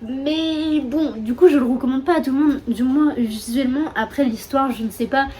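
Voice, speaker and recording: A woman's voice: sits high, normal speed, darkish tone. A young woman with a French accent chatting casually about books at home, with many fillers and self-mocking asides. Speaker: book vlogger. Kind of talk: casual chat. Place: room at home with open windows, storm outside. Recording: faint wind and rain noise. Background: wind and rain.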